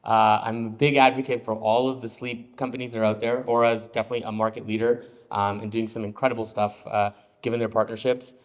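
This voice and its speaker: A man from Canada, a venture investor answering on a panel discussion with a relaxed manner and frequent ums. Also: lowish voice, fast, hardly any pauses.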